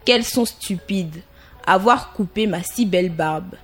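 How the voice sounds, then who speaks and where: A rude, wrinkled old dwarf from a fairy tale, voiced by a woman narrator hurls scornful insults. He speaks slowly and grumbles. Soft music runs beneath the storybook reading. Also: mid-range voice, breathy edge. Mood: grumbling scornful. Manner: scolding, insulting.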